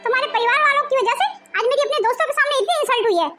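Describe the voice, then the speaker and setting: Woman doing a stuck-up bahu who sneers at everyone, shrill and snappy, super high voice. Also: rapid-fire, over music. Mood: furious. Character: haughty, scornful young wife who bullies her in-laws. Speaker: actor in a family drama skit. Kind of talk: melodramatic home-video acting.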